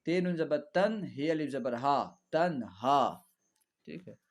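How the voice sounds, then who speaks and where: A man teaching an Urdu reading lesson, spelling out each syllable patiently and repeating words slowly for learners. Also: on the high side.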